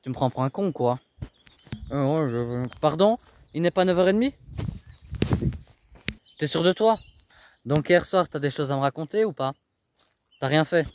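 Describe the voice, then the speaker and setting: A man's voice: on the high side, expressive, normal speed, pauses often, darkish tone, slight background noise. A man working as a youth educator, firm and scolding with teenagers, raising his voice when annoyed. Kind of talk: coaching young people.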